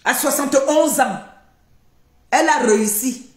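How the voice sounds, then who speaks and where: Older woman, high-voiced accusing rant, echoey room. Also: a little slow. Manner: scolding, accusing, repeating herself. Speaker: live streamer. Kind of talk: heated live-stream rant.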